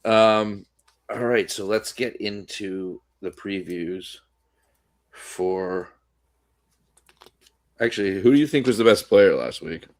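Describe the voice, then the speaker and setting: A man co-hosting a sports podcast, rambling in casual chat with lots of restarts and fillers, slightly hoarse from coughing. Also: fairly low pitch, slow pace, pauses often, no room sound. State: coughing today. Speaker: podcast co-host.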